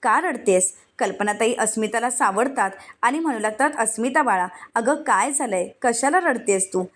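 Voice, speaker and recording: A woman with a Marathi accent, her voice sitting a little high, tells the story of a serial episode scene by scene. She reads the characters' lines in the same steady storytelling voice. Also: normal speed. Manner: narrates plot and voices quoted lines in the same reading voice. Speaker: serial recap narrator.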